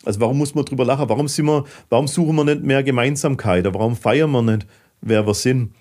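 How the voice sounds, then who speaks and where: Speaking with medium pitch at a quick pace, this Swabian-accented man from southern Germany is a podcast guest. He chats casually as a fidgety, lively storyteller who slips into dialect.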